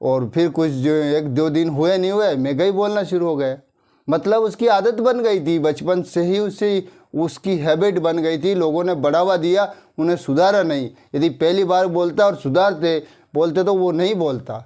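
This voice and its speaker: A man's voice: a little high, warm tone. A male English teacher from India giving a grammar lesson, talking casually, telling a moral story and checking in with his listeners again and again. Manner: conversational, repeats tag questions, slows down to dictate.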